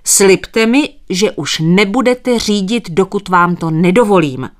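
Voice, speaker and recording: A woman voicing a male country doctor who insists firmly and formally, with deliberate phrasing. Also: medium pitch, animated, close to an everyday voice. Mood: insistent.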